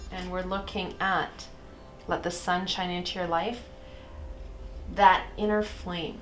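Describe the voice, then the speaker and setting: In a mid-range voice, a woman reads oracle cards for her viewers as spiritual guidance, with a gentle, encouraging manner and pauses for reflection.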